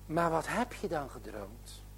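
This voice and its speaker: A man's voice: a little high, very animated, a little slow, a bit bright, slight background noise, heavily acted. A man doing a devout, stern old grandmother. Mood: coaxing. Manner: earnest, admonishing, preachy. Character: devout elderly grandmother, gentle but stern.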